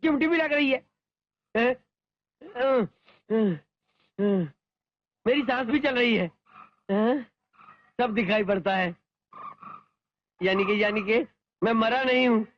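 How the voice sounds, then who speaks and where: A man's voice: very high voice, takes it slowly, long pauses. A man dubbing a blustering, cowardly, lecherous comic villain in a film. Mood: pleading. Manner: boastful, then whining and pleading. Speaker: dubbing actor. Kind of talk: Hindi film dub. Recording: dull film soundtrack with music.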